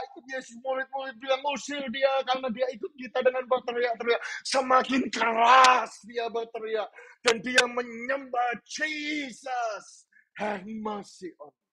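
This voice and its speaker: A male pastor preaching a sermon with passion, jumping from loud shouts to hushed low words. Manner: impassioned preaching, swings between shouting and hushed low tones. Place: church service streamed to home viewers.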